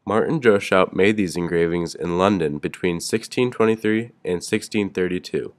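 A man's voice: sits low, normal speed. A man narrating a school project presentation, reading steadily from a script. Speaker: student presenter.

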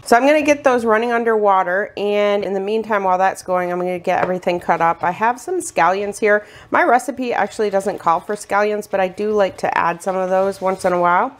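A woman's voice: mid-range voice, fairly quick, few pauses. An older woman in her home kitchen, chatting casually as she walks through each cooking step for her vlog. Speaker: cooking vlogger. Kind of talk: casual cook-along narration.

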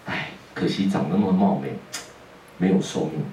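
Grave male sage, low and slow, a teacher acting him out; faint room hiss. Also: dark tone, close to an everyday voice. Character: calm fortune-telling sage, grave and knowing. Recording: roomy classroom from a distance.

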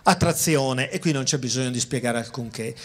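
A man giving a public philosophy lecture, speaking conversationally to the audience and slowing down to stress key words. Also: medium pitch, fairly bright tone. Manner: conversational, addresses audience directly, repeats and restarts phrases. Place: outdoor town square.

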